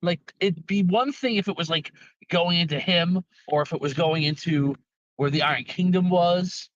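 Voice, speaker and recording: A man's voice: a little high, moderate pace, a bit bright, no echo. A man taking part in a casual chat about a game over a car speakerphone while he drives. He thinks aloud and rambles. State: talking while driving. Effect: car speakerphone call. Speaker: tabletop game player. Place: in a moving car. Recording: dull lo-fi call audio, dropping in and out.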